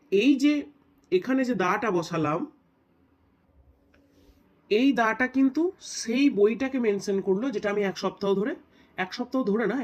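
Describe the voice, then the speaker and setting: Man teaching a step-by-step grammar lesson. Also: high voice. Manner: explains step by step, checks in with "right?"; reads English examples slowly.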